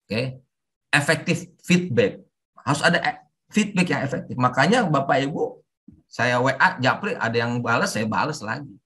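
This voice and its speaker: A middle-aged man giving a webinar lecture with forceful, emphatic intonation, mixing in English terms. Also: mid-range voice, expressive, normal speed, breathy edge. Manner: mixes English terms into talk. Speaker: civil service trainer. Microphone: online webinar audio.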